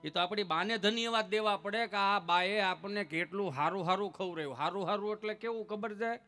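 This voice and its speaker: A man performs comic folk stories on stage, teasing and repeating his punchlines with relish. His voice is high and bright, with a sharp, ringing edge. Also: brisk, soft background music. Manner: lively, teasing delivery with punchy repetition. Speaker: stage comedian.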